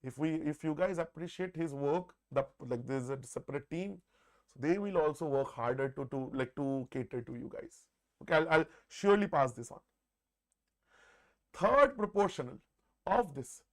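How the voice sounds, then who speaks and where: A man's voice: on the high side, lively intonation, normal speed. Indian-accented man teaching maths live. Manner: repeats phrases, often addresses listeners as "sir"; conversational, mixes Hindi words into English. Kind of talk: live exam-prep lesson, working through problems aloud.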